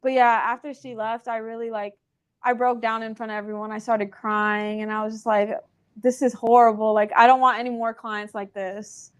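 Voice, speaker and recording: Chatty young woman, smooth clear voice. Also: on the high side, normal speed. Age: 20s. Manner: chatty, filler-heavy with many "like"s, animated retelling. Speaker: guest, nail salon owner. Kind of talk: casual interview storytelling. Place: her nail salon.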